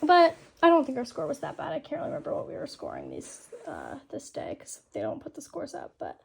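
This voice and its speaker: A woman's voice: sits high, wildly swooping pitch, brisk, creaky, slight background noise. A young woman casually narrating a voiceover of her horse show rounds, chatty and filler-heavy, saying "like" constantly. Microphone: home-recorded voiceover.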